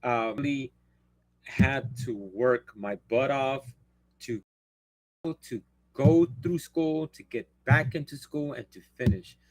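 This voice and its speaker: The audio is poor, though dry and close with no echo, as a male livestream host speaks slowly at medium pitch. A native Spanish speaker, he chats casually in a rambling, blunt way, often cutting himself off.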